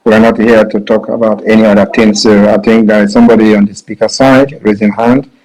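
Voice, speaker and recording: A man speaking from the panel, firm and measured. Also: fairly low pitch, level tone, a little mellow, low-quality recording.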